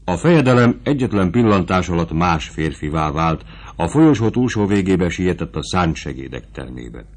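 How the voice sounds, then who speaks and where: A man narrating a classic novel as an audiobook, in a measured, expressive reading. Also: sits low.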